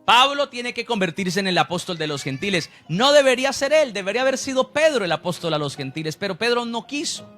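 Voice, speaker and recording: A man's voice: sits high, sing-song, a little fast, few pauses, a bit bright, soft background music. A man, preaching a sermon as a pastor, who acts out the people he quotes.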